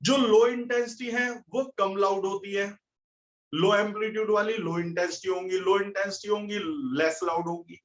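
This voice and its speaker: A man's voice: sits high, steady tone, moderate pace. A man teaching a physics class, explaining step by step and asking his students questions. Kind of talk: classroom lecture. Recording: dull lo-fi recording.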